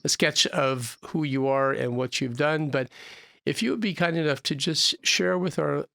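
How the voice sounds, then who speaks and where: A man's voice: a little high, normal speed, vocal fry, pushed and bright, no room sound. A man in his sixties hosting a podcast from a small studio, talking earnestly and repeating himself with many restarts. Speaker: podcast host. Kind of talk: podcast interview. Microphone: studio mic with headphones.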